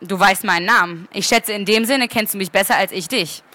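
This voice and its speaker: A woman's voice: mid-range voice, fairly quick, bright, forceful tone, natural voice. A woman reading aloud at a book fair, voicing a serious, impatient young man with a dry, matter-of-fact manner.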